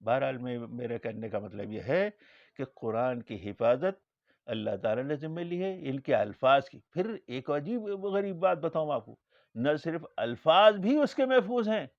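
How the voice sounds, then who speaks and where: A man's voice: medium pitch, lively intonation, dry recording. A man giving a religious lecture as an Islamic scholar, telling anecdotes and acting out the dialogue in them. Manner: storytelling, acts out dialogue in quoted lines. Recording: dull lo-fi recording.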